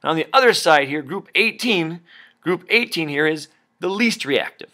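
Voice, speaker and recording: A man teaching science with a high, bright voice that swings widely as he talks. He drills new words, stretching them out playfully and asking listeners to repeat after him. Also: normal speed. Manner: lively, playful, stretches key words and does a nasal pinched-nose voice.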